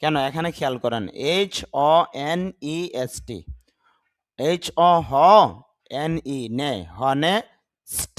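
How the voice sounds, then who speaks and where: A man's voice: a little high, expressive, no room sound. A man teaching English vocabulary to learners, saying each word, repeating it, spelling it out and explaining how to pronounce it correctly. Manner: slow, deliberate, repeats words and spells them out. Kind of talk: vocabulary lesson with pronunciation drills.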